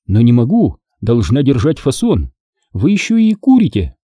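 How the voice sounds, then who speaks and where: A man's voice: mid-range voice, wildly swooping pitch, normal speed, warm tone, husky, no echo, clean studio sound. A man voicing a playful, mannered young woman in an audiobook. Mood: teasing.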